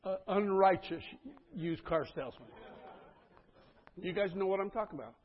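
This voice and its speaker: A man's voice: sits high, expressive, moderate pace, narrow, tinny audio. A man preaching a sermon as pastor, earnest and conversational, often turning to the congregation with asides.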